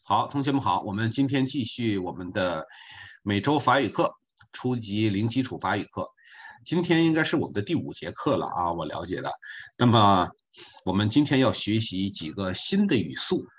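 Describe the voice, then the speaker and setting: A man's voice: on the low side, big pitch swings, moderate pace, breathy edge. A man teaching a beginner French class online as a volunteer, patiently repeating his points with chatty asides.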